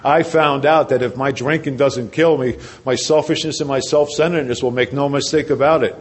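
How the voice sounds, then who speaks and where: New man at a podium sharing his recovery story, repeating phrases and questioning the room, average pitch. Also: steady tone, fairly quick, slightly rough. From New Jersey. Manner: earnest storytelling with rhetorical questions and repetition. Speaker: recovery speaker. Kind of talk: personal recovery story told to a meeting.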